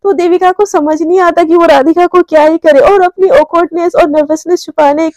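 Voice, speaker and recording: Chatty lady telling a love story, super high voice, rambly, dry close mic. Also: fairly even intonation, fairly quick, darkish tone, dry recording. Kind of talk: casual story narration.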